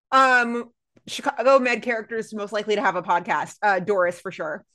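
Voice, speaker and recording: Female podcast co-host, casual recap chat, animated retelling. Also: mid-range voice. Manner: chatty, acts out characters' lines while recapping.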